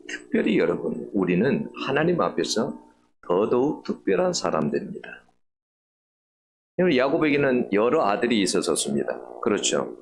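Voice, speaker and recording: A middle-aged man preaching a sermon, telling a personal story earnestly and rising higher and louder to stress key points. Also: a little hiss or hum. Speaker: pastor. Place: church sanctuary.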